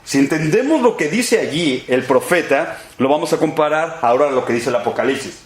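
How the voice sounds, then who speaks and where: A man's voice: on the high side, lively intonation, a little fast. A man giving an emphatic, repetitive sermon-style Bible class in a church sanctuary. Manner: emphatic, repetitive, addresses listeners as brothers and friends. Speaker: pastor teaching a Bible class. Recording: echoey church room.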